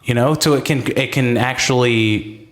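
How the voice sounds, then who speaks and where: A man's voice: mid-range voice, normal speed. Ranting profane man. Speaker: podcast co-host. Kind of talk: casual chat.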